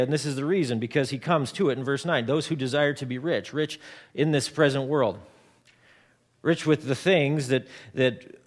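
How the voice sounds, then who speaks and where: Conversational man preaching a sermon. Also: mid-range voice. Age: 40s. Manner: conversational, repeats words, homely examples. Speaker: pastor.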